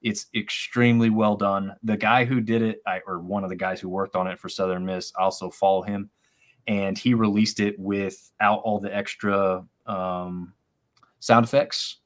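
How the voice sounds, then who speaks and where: Man, low-ish voice, sports stream co-host, rambling, animated, remote call mic. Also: normal speed. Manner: rambling, animated, many restarts. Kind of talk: casual sports talk on a live stream. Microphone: remote video-call stream.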